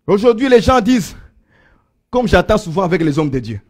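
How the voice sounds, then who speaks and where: A man preaching a sermon, swinging from loud proclaiming to low murmurs. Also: sing-song, a little fast.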